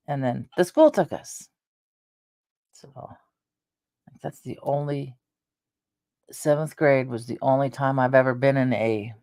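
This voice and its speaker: A woman's voice: very deep voice, a little mellow, dry recording, studio quality. A woman in her fifties, hosting her own channel in a rambling casual chat, wandering between thoughts with hesitations and restarts. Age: 50s. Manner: meandering, with frequent hesitations and restarts. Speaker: channel host.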